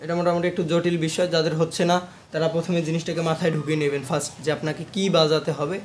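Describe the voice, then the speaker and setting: A man's voice: on the high side, level tone, rapid-fire, a little hiss or hum. A man teaching ukulele, explaining a strumming rhythm step by step and chanting its beat syllables aloud as he plays. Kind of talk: instructional lesson. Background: plucked ukulele playing.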